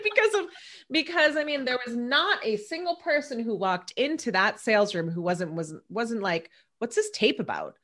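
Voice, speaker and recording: Woman, podcast host, mid pitch, enthusiastic, chatty, casual swearing. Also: fairly bright tone. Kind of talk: casual interview chat.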